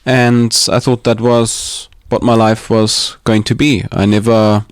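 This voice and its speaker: A man from Austria in his thirties, talking as an interview guest in a living room, reflective and hesitant, with many pauses and restarts. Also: fairly low pitch, little pitch movement, clean tone, no room sound, studio quality. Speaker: podcast guest. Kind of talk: casual interview talk.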